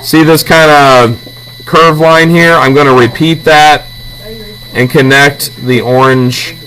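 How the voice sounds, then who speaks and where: Speaking slowly in a steady, sharp tone, a high-leaning male voice teaches a hands-on drawing lesson in a classroom. The art teacher moves step by step and checks in with short questions. The recording is low quality, with student chatter around him.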